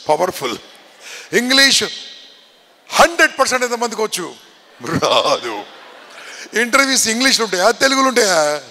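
A motivational speaker with a Telangana accent, firing repeated questions at a student audience and shouting for answers. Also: male voice, high-pitched. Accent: Telangana Telugu. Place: large hall with an audience. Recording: echoey hall, faint background noise.

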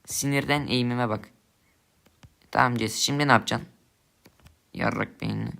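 A man's voice: medium pitch, fairly even intonation, normal speed, vocal fry, bright, forceful tone. A young man giving angry gameplay commentary, swearing and ranting at his teammates in frustration. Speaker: gamer streamer.

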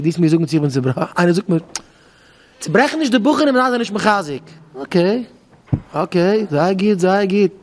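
High-voiced rabbi in a reverberant hall. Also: male voice. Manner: animated, acts out back-and-forth dialogues. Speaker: rabbi giving a talk.

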